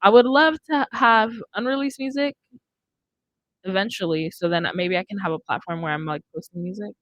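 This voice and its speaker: Here a young American woman hosts a casual studio podcast, her mouth close to a mic on a boom arm. The pitch is medium, the pace moderate and the tone a bit bright, with no echo but low recording quality.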